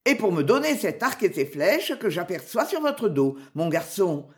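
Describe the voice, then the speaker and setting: A woman voicing a bold young outlaw leader who speaks briskly and commandingly in a story reading. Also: on the low side, very animated.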